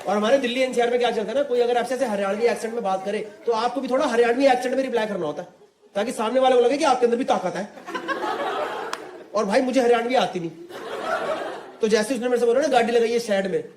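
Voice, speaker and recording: A man, telling an animated stand-up story with crowd work in mixed Hindi and English, acting out voices. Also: very high voice, fast. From India. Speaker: stand-up comedian. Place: comedy club stage before a live audience. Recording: roomy hall with loud crowd. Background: audience laughter.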